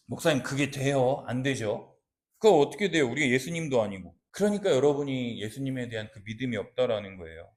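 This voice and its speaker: A male pastor preaching a sermon, acting out quoted dialogue and asking the congregation rhetorical questions. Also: a little high. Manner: animated, acts out quoted lines, asks rhetorical questions. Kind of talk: expository sermon.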